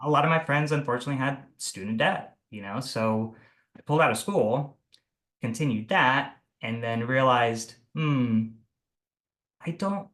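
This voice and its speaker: An Italian real estate agent in his thirties tells his life story during a casual video call interview. His mid-range, fairly bright voice moves a little slowly as he rambles, corrects himself, and laughs often.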